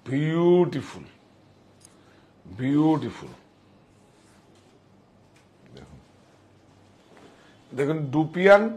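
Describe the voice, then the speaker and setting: A man showing sarees in a live sales pitch, talking excitedly, repeating himself and directing helpers. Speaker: saree shop seller.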